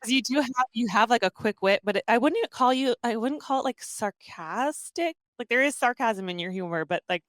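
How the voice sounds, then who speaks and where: A woman co-hosting a podcast interview, chatty and animated, with many fillers. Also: a little high, normal speed, hardly any pauses, no room sound, studio quality. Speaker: podcast co-host. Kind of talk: casual conversational interview.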